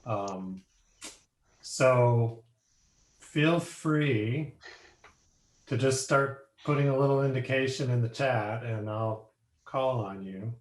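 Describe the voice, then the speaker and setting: A man's voice: medium pitch, reverberant. A man informally moderating an academic question session in a casual, conversational way.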